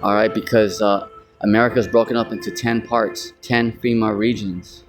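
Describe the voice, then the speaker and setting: A man's voice: lowish voice, level tone, moderate pace, soft background music. An American man teaching from the Bible in a casual, rambling way, often saying "you know". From United States. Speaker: street preacher.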